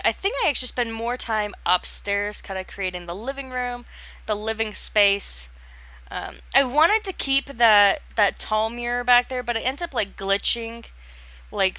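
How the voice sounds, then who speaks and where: A woman's voice: medium pitch, sharp tone, no room sound. A young woman giving casual, rambling voice-over commentary on a game build, full of fillers and restarts. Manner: yawns and laughs while talking. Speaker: gaming channel host.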